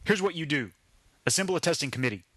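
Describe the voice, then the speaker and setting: A man voicing a gruff, bullying male factory boss who barks contemptuous orders. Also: a little high, lively intonation, fast, a bit bright, no room sound, voice pushed up. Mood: stern. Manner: barking, contemptuous.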